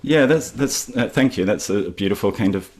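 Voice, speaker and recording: At a festival interview, a Scottish author with a lowish voice discusses his writing, halting often with many fillers and restarts.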